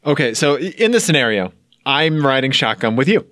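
A man's voice: medium pitch, sing-song, a little fast, a bit bright, no room sound, studio quality. A man co-hosting a casual podcast, teasing his friend and telling stories with a playful, joking manner. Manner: playful, teasing, storytelling with laughs. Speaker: podcast co-host. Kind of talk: casual chat.

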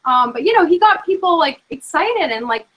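Chatty female podcast co-host, slightly high voice, loose filler-heavy talk. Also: lively intonation, fairly bright tone, rough recording. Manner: chatty, fast, full of fillers like "you know". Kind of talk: casual chat.

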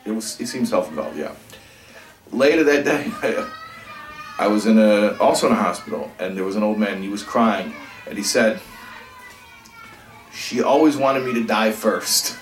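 A man teaching a religious class, lively and thinking aloud, acting out examples as he goes. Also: fairly low pitch, normal speed, long pauses, soft background music. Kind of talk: Torah class lecture. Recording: echoey room, from a distance.

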